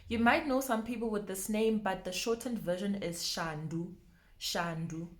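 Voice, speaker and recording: A young woman leads a pronunciation lesson, speaking slowly. She says each word with care, repeats it, and laughs often as she goes. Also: medium pitch. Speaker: language teacher.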